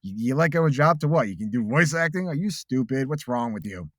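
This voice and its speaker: A voice actor in his late thirties tells his story in a casual interview, sounding earnest and reflective and restarting often. His medium-pitched voice is expressive, fast, and a bit bright, captured in clean studio sound with no echo.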